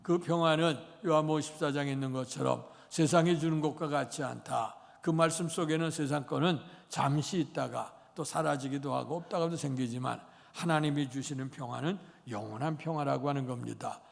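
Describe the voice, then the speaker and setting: Gravelly older man preaching in a church. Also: a little high, a little fast, few pauses. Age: 60s. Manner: rambling, anecdotal, many fillers. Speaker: pastor. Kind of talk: sermon. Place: church sanctuary. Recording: long church hall reverb.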